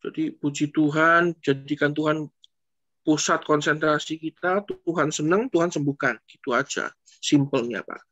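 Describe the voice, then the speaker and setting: A man speaking as a pastor, answering a question in a relaxed, conversational way. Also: moderate pace. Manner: conversational, repeats "Pak" often, lively swings in pitch. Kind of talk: casual preaching answer in an online church session. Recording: dull lo-fi online stream audio.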